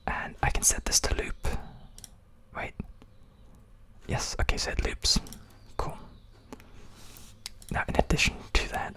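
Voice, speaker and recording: An ASMR streamer speaking in a soft, breathy whisper, informally chatting to live viewers close to the microphone. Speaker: streamer and game developer.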